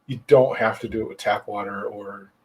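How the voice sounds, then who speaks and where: A man's voice: on the low side, fairly even intonation, moderate pace, a little mellow, poor audio. Rambling man in casual chat. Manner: rambling, swears freely, many fillers. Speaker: podcast host.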